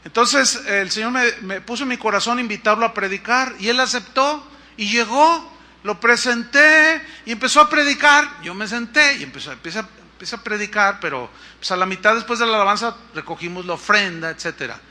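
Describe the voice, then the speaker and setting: Bright high-voiced preacher. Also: male voice, animated, brisk. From Mexico. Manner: storytelling, acts out dialogue with shifting pitch and volume. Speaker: pastor. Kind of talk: sermon testimony.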